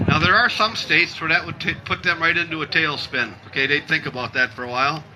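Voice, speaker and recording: Wisecracking emcee from Michigan. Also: male voice, a little high, fairly even intonation, fast. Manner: wisecracking, self-deprecating, teasing the audience. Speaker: timber show emcee. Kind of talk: joking crowd banter over a PA. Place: outdoor festival stage. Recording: outdoor crowd noise.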